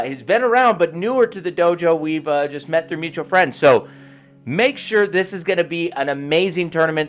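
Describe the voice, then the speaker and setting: A man hosting a live gaming stream in casual chat, giving upbeat shout-outs to viewers. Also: a little high.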